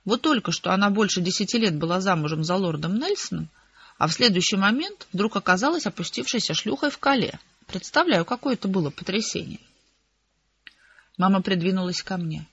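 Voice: medium pitch, animated, a little fast, fairly bright tone, husky. Wry audiobook narrator, dull sound.

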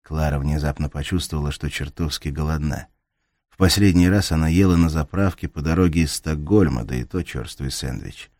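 A man narrating a suspense audiobook in a measured way, slowing down in tense moments. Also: extremely low pitch, a little mellow, no room sound, clean studio sound. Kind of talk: scripted narration.

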